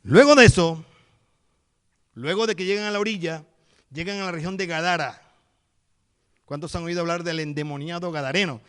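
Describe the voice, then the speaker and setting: High-voiced pastor preaching. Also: male voice, moderate pace, pauses often, fairly bright tone, clean tone. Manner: vivid storytelling, acting out the scenes. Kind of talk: sermon.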